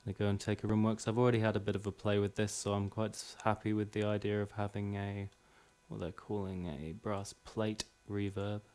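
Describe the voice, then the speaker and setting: Over drum and music playback, a man gives an informal music production software tutorial, explaining step by step with slight hesitancy. His fairly low, darkish voice is flat and brisk.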